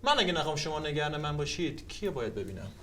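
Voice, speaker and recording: Resentful young son, accusing, rapid questions, slightly higher male voice, film drama. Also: big pitch swings, pushed and bright, a little hiss or hum. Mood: cold. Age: young adult. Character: bitter resentful young man confronting mother. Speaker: grown son. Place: home interior.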